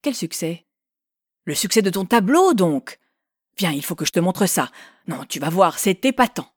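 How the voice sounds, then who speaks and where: A woman voicing a boisterous, exultant young man who shouts his excitement in an audiobook. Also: fairly low pitch, moderate pace, husky, no room sound, studio quality. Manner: loud, excited exclamations.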